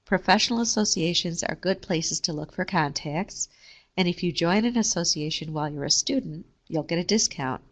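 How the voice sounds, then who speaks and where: A woman reading a scripted careers lesson in a steady, measured way. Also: fairly low pitch. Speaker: career services presenter. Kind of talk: scripted instructional narration.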